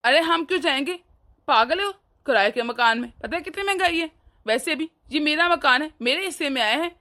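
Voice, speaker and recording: Woman playing the husband in a cartoon, highish bright voice, sweet to the wife, cold and bossy with his parents. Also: expressive, a little fast. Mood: dismissive. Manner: firm, dismissive, coaxing. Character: young husband, doting to wife, harsh to parents. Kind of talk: animated family drama dub.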